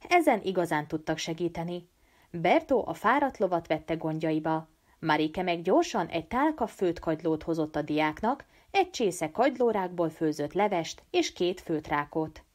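Animated woman reading an audiobook. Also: lowish voice. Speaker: audiobook reader. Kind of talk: storybook narration.

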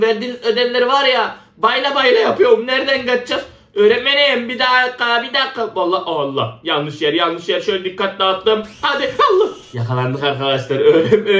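A man hosting a game channel with excited commentary, talking straight to his viewers, often laughing and exclaiming, slightly ill with a rough edge to his voice. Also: high-pitched, echoey room. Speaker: gaming channel host.

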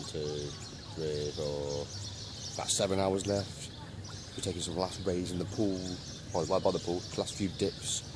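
Man, young adult, low-ish voice, casual swearing banter, holiday vlog, noisy camera audio. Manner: joking, swearing, rambling. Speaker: vlogger filming a holiday with friends. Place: holiday resort outdoors, later a car.

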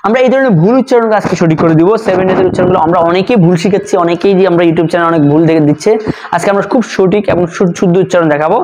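A woman's voice: on the low side, background noise. Woman teaching pronunciation. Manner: repeats words slowly for drilling, explains step by step. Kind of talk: online pronunciation lesson.

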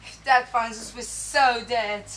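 A prissy younger sibling played by a woman corrects and frets in a bright, tense voice. The delivery is pedantic and nervous. Faint noise sits behind the outdoor stage. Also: a little high, steady tone, unhurried. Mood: prim.

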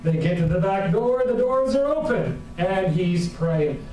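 High-voiced pastor preaching in an echoey church. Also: male voice, a little slow, a little hiss or hum. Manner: folksy, humorous, animated preaching. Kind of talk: sermon with storytelling. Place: church sanctuary with a congregation. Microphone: far camera at the back of the room. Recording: very echoey church hall from far off.

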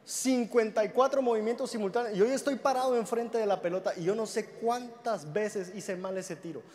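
A man's voice: sits high, moderate pace, darkish tone. A young man preaching a sermon, telling a story with humor and acting out the dialogue. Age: young adult. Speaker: pastor. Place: large church hall. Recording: reverberant hall with faint noise.

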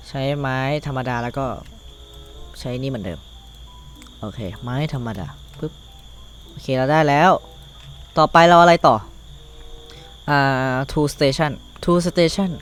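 A man's voice: medium pitch, a little hiss or hum. A teenage boy with a Thai accent, rambling to himself as he plays and crafts in a survival game, swearing casually. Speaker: gaming YouTuber. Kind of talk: Minecraft let's play commentary.

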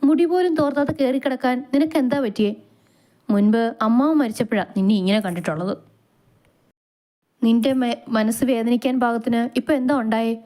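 A woman's voice: on the high side, brisk, mellow, close to an everyday voice. A woman doing a caring, serious young man. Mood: concerned. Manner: serious, concerned questioning.

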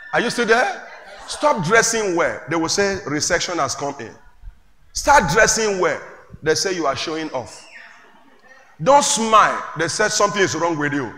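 A male pastor preaching a sermon to a congregation, calling out questions and rising to shouts. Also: fairly high pitch. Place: church hall with congregation. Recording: echoey church hall, faint room noise.

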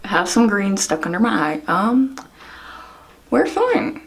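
A woman's voice: mid-range voice, big pitch swings, a little slow, creaky. A young woman from Ireland chatting casually in a makeup vlog, rambling and self-deprecating with frequent giggles. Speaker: vlogger.

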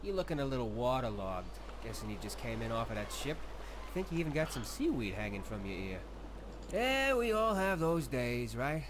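An actor voicing a chatty young islander in a video game, a mischievous prankster who rambles and stammers gleefully. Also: male voice, medium pitch, sing-song, normal speed, noisy background, lightly acted. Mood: playful. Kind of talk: game voice acting.

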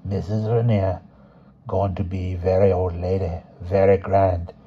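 A man's voice: low-pitched, level tone, dull audio, a little hiss or hum. A man doing an ominous old fortune-teller woman. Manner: slow, deliberate, rhythmic speech; cajoling.

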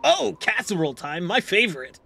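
A proud, touchy talking mixing bowl with a cocky edge, as a man puts him on. The voice sits a little high and rings bright and forceful, like a smug kitchen gadget in a tabletop game. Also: sing-song, a little fast, creaky, a little hiss or hum, heavily acted. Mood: sassy. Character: sassy male talking magic mixing bowl.

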